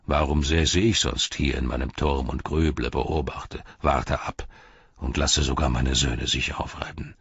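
A man performs a grim old steward in an audiobook, his voice sunk low and hushed, almost breathy. He broods slowly over every line. The recording is dry and a little dull. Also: steady tone, no room sound, full character voice. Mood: bitter. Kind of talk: audiobook character reading.

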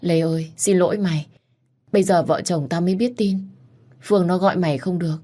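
A woman's voice: fairly low pitch, a little fast, warm tone, lightly acted. A woman voicing an apologetic, anxious young female friend, in a storybook reading.

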